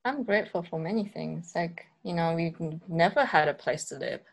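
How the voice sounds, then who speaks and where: A woman's voice: on the low side, moderate pace, vocal fry. Woman, podcast guest, casual chat, fillers, laughs. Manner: chatty, many fillers, playful laughs.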